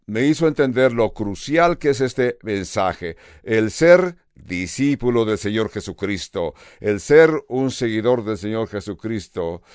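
An older pastor with a Californian accent, preaching with earnest steadiness. His voice is smooth and clear, and he takes his time, pausing between phrases. The sound is dry and close, with no room around it. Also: fairly low pitch, expressive, darkish tone, dry recording. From United States. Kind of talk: sermon.

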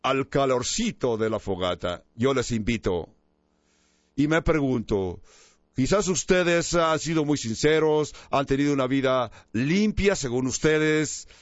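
A man preaching a sermon and telling a story, in an earnest, inviting manner with pauses. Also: medium pitch, dry recording. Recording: dull lo-fi dry recording.

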